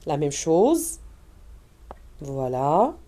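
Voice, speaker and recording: A woman teacher walking parents through an early reading lesson, modeling vowels and words slowly for children. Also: low-pitched, sing-song, dark tone.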